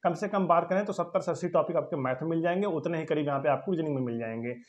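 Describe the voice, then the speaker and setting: Fast-talking encouraging man, lo-fi sound. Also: on the high side. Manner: encouraging, fills lines with "ठीक है". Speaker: exam coaching YouTuber. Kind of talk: advice talk to viewers.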